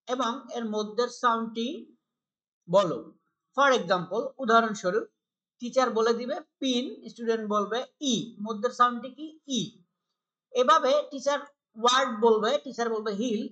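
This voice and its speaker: A woman with a Bangladeshi accent teaching a primary school English lesson, reading each English line slowly and then explaining it patiently, repeating words for practice. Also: fairly high pitch, pushed and bright, low-quality recording. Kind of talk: textbook lesson for young pupils.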